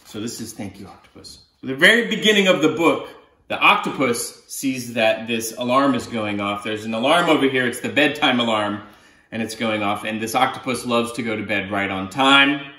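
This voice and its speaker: Seated on the sofa of a small living room, a middle-aged children's author reads a picture book with expression, pausing for explanatory asides. He speaks at normal speed in a sharp, medium-pitched voice, and the recording carries a roomy living-room echo.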